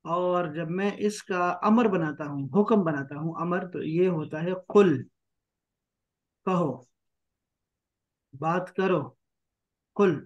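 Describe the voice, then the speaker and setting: Patient male Arabic teacher, fairly high voice, repeats terms slowly for an online class. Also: highs cut off. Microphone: online class mic.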